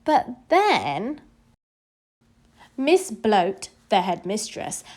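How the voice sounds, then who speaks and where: Reading a children's tale out loud, this woman speaks in a mid-range voice. Her delivery is expressive and unhurried, like a storyteller's.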